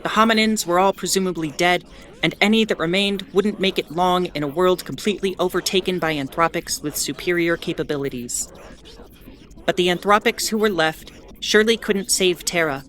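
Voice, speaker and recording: On the low side and a bit bright, this woman's voice moves at normal speed and sounds close to everyday speech. She's narrating a scripted audio drama as a wry, defiant host of a spaceship's in-world radio bulletin, explaining conversationally in a solemn, storytelling way.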